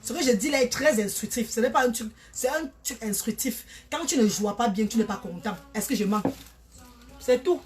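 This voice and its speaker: A woman's voice: on the high side, normal speed, darkish tone, slight background noise. A woman, talking bluntly and repetitively in a casual live stream, often addressing listeners as "maman". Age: 30s.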